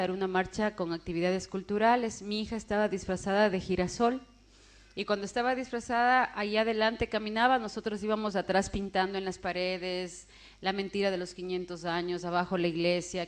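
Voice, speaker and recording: A woman in her forties shares an emotional personal testimony, acting out the voices of the people she quotes. Her voice is medium-pitched with fairly even intonation, and she speaks briskly.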